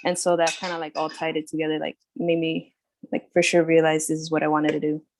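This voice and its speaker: A woman's voice: low-pitched, flat delivery, a little fast, a little hiss or hum. A young woman from California introduces herself in a chatty way, saying "like" often. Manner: chatty, lots of "like". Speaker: new student.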